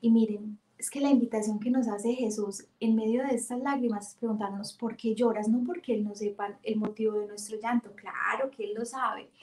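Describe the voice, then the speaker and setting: Woman teaching with lively storytelling. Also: a little high, brisk, few pauses, roomy sound. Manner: warm, animated storytelling with emphatic retellings.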